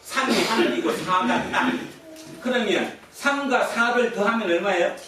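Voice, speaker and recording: A man's voice: sits high, measured pace, sharp tone, a little hiss or hum. A male pastor preaching a sermon, putting questions to the congregation and repeating their answers. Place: church sanctuary. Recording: echoey church hall from far off.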